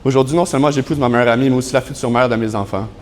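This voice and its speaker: A young man with a Quebec French accent speaks at a brisk pace, giving prepared wedding vows. His pitch sits in the middle of the male range. A light ambient noise sits behind his voice. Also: fairly even intonation. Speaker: groom. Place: wedding ceremony.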